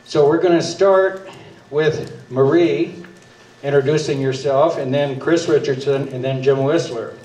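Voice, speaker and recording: A man moderating a county debate, speaking plainly and haltingly with many fillers. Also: fairly high pitch, steady tone, a little mellow. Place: public meeting room. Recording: roomy hall audio from far off, faint noise.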